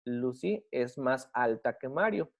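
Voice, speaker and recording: A man teaching an English grammar lesson in a patient explaining manner. He often checks whether his students follow him, and he slows down to spell and model English words. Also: medium pitch, animated. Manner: patient, checks understanding with frequent questions. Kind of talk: explaining grammar in a recorded class.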